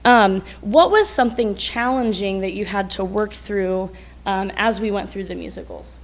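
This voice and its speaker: A woman's voice: mid-range voice, moderate pace. A woman teacher speaks at a school board meeting in a mid-range voice. She is encouraging and draws children out with questions. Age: adult. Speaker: school music teacher presenting students.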